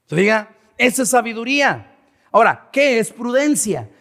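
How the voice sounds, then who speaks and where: In a church sanctuary with a big-room sound, a male pastor preaches a sermon to his congregation, constantly checking in with "verdad?" as he teaches. His voice is very high-pitched and very animated, at a normal speed with a fairly bright tone.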